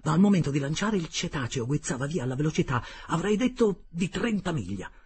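A man reading a classic adventure novel aloud as an expressive first-person audiobook narrator. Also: on the high side, brisk, a little hiss or hum.

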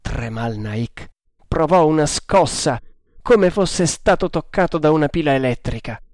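Slow, measured male audiobook narrator. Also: a little high, expressive, darkish tone, dry recording, clean studio sound. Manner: measured, deliberate reading. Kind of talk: audiobook narration of an adventure novel.

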